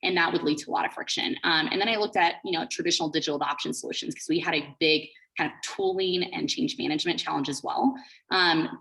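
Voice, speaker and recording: Speaking as a guest at an event, this startup co-founder, a woman from Switzerland and the Bahamas, walks through her points casually with frequent "like" and "you know." The recording is rough, and her low-pitched voice has a fairly bright tone.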